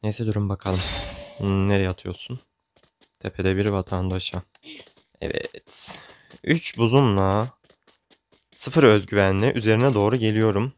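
A man's voice: fairly low pitch, fairly even intonation, unhurried, pauses often, darkish tone. A young man chatting casually as he comments on his own gameplay, joking and grumbling along the way. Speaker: gaming YouTuber.

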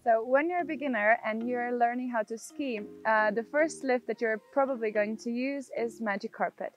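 A woman's voice: fairly high pitch, normal speed, dull audio. A young woman, a ski instructor, explaining technique step by step in an outdoor tutorial. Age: young adult. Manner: step-by-step, often checking with "yeah?". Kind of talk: instructional tutorial presented to camera. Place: outdoors on a snowy ski slope. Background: background music.

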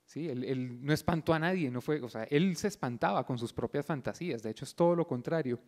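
A man with a fairly high voice gives a didactic talk, stopping now and then to ask if his listeners follow. He thinks aloud with small fillers and restarts as he explains. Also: fairly quick, a little mellow. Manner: didactic, checks in often with a questioning "yes?". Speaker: lecturer at a pre-concert talk. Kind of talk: explanatory lecture.

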